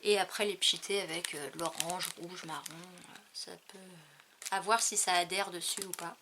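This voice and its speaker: A woman's voice: fairly low pitch, fairly even intonation, moderate pace, noisy background. A woman chatting casually about her craft purchases, hesitant and full of fillers. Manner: hesitant, many fillers, trailing off. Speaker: craft haul vlogger. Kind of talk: casual chat showing purchases.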